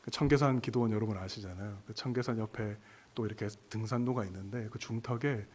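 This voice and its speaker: Husky-voiced male pastor preaching. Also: lowish voice, fast, darkish tone. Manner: conversational, many fillers, addresses the congregation directly. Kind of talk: sermon with personal storytelling. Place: church sanctuary.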